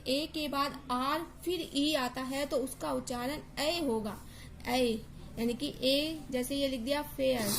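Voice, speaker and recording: A woman's voice: high voice, vocal fry, slight background noise. A woman teacher explaining English pronunciation, repeating words and spelling out letters to drill each sound.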